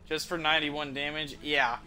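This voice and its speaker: A young man streams from a desk in an indoor room, giving casual, profane video game commentary and chatting with viewers in informal slang as game music plays. His voice is on the high side, bright and forceful, with flat delivery at normal speed and a little hiss or hum.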